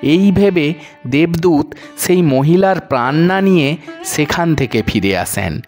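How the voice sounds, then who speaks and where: A man narrating a devotional moral story in a slow, measured storytelling manner. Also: on the high side, expressive, darkish tone, faint music behind.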